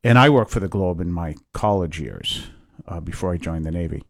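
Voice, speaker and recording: Older male priest, low reflective voice. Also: expressive, a little fast, vocal fry, no room sound, clean studio sound. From Massachusetts. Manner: reflective, hesitant with fillers. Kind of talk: conversational interview.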